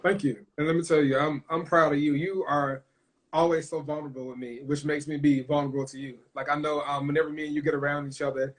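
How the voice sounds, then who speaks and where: A man's voice: fairly high pitch, little pitch movement, quick pace, rough recording. A man hosting a heartfelt livestream talk, speaking earnestly and emphatically, swearing freely and emotional. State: emotional, choked up. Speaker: host.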